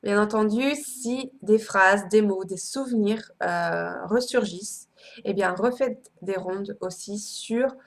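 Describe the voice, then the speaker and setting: A woman coach leads a tapping exercise in a gravelly, slightly fried voice, pausing often on fillers. Her affirmations return in a steady, even rhythm. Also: mid-range voice. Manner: hesitant, many fillers. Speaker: coach and psychologist. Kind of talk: guided EFT tapping session.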